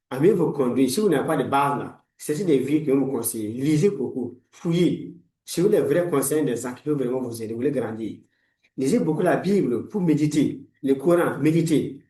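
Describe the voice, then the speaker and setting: Recorded roughly and far from the mic in an echoey room, a man in his 40s gives a motivational talk as a life coach. He is preachy and repetitive, full of blessings, with a mid-range, darkish voice, speaking inside a book-lined room.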